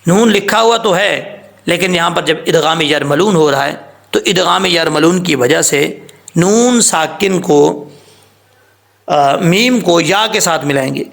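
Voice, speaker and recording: A man with a gravelly, slightly high voice gives a tajweed lesson on Quran recitation. He explains each rule patiently and warns against common mistakes. He speaks as a voice-over on a screen recording. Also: fairly bright tone. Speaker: Quran teacher.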